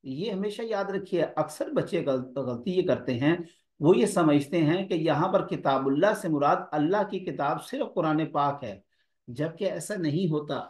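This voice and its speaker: A man's voice: on the high side, lively intonation, normal speed, a little mellow. Man lecturing students in an echoey room. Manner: explanatory, addresses students directly. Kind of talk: academic lecture.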